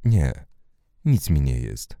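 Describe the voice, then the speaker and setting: A man voicing a frightened woman who speaks quietly and pleads. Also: very deep voice, sing-song, slow pace, dry recording, studio quality, full character voice. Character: frightened young woman defending her husband.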